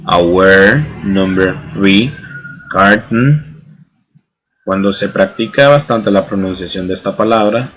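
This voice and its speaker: A man's voice: low-pitched, poor audio. A male teacher giving a bilingual spelling lesson, repeating each word twice and often adding "¿verdad?". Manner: mixes Spanish and English, often adds "¿verdad?".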